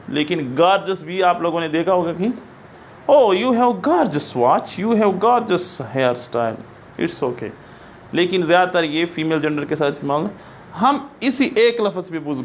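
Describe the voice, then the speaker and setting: Guy teaching english grammar, high voice, takes his time, slight hiss in the recording. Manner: explains in Urdu, reads English examples slowly; keeps checking students understand. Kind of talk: classroom grammar lesson.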